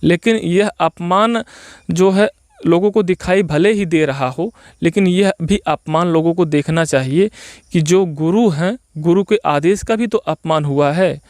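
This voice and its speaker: A man giving spoken opinion commentary as a video host, arguing his case point by point and pausing often on repeated filler phrases. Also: high-pitched, darkish tone, no echo, clean studio sound. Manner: argumentative, explains point by point.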